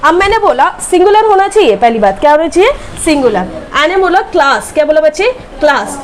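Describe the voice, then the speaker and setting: A woman's voice: high-pitched, very animated, fast talker, slight background noise. A woman teacher giving a classroom grammar lesson, repeating key words back as questions to her students.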